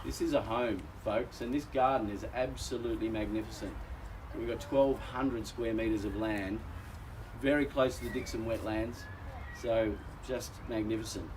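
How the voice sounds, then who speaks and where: An Australian auctioneer, a man with a lowish, fairly level voice, genially addresses the crowd at an outdoor house auction, calling them "folks" in a folksy way at a moderate pace. A recent chest infection has weakened his voice, and he's captured from a distance with background noise around him.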